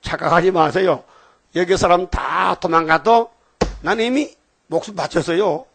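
A man's voice: sits high, measured pace, vocal fry, a bit bright, a little hiss or hum, full character voice. A man acting out Peter as a proud, protesting fisherman in a sermon. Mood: boastful. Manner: boastful and protesting. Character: proud, boastful fisherman disciple.

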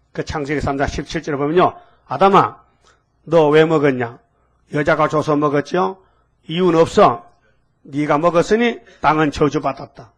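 A man's voice: on the high side, breathy edge. An older man with a preaching a folksy, scolding sermon and asking the congregation questions. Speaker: pastor.

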